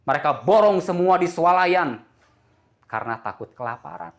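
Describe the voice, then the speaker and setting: A man's voice: on the high side, moderate pace. A man preaching a sermon, joking and asking the congregation questions as they answer back. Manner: lively, jokes and asks the congregation questions.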